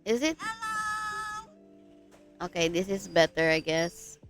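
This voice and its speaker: A woman with a Filipino accent chats casually on a livestream over music, her voice on the low side and her pace moderate. She giggles often, though a cold leaves her sounding stuffy, congested and sick. She's using a streaming mic.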